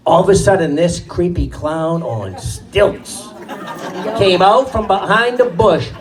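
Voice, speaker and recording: A man doing stand-up, telling animated stories about his kids and acting out their voices. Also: high-pitched, takes it slowly. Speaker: stand-up comedian and father. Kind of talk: stand-up storytelling. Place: comedy stage before a live crowd. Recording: distant stage mic, audience laughing.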